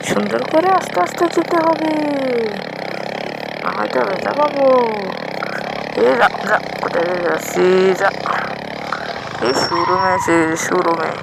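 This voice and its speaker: The woman's medium-pitched, creaky voice swings widely in pitch, moving at a measured pace with long pauses. She narrates her video game actions one by one in short, repetitive phrases. The noisy recording is filled with vehicles and sirens.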